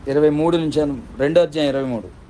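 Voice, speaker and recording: A man's voice: a little high, fast talker, mellow, a little hiss or hum. A male pastor preaching a sermon with fervent, repetitive rhetorical questions.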